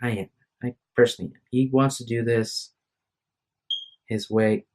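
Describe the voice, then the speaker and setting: In a home room, a young vlogger who sounds tired rambles casually to the camera through his phone's microphone, hesitant and apologetic with many restarted sentences. He has a mid-range, darkish voice with fairly even intonation at normal speed, over a little hiss or hum.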